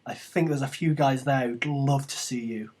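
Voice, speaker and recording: A man's voice: medium pitch, normal speed, darkish tone, lightly acted. A man doing an officious city gate guard. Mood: uneasy. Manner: bureaucratic, polite but suspicious.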